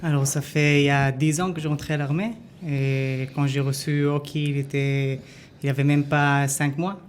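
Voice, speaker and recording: A man's voice: a little high, flat delivery, smooth. A man from Israel with a foreign, Israeli accent in French, telling his story as an interview guest and searching for words. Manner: halting, searches for words in non-fluent French. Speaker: interview guest, former army dog handler.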